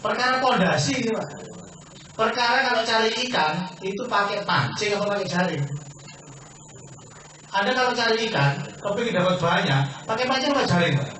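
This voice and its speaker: A man's voice: high-pitched, animated, moderate pace, bright, forceful tone, a little hiss or hum. A man giving a persuasive sales seminar talk, questioning the audience and answering himself. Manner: keeps addressing listeners as "Pak". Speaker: business opportunity presenter. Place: meeting hall with an audience. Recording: very echoey hall, picked up from far off.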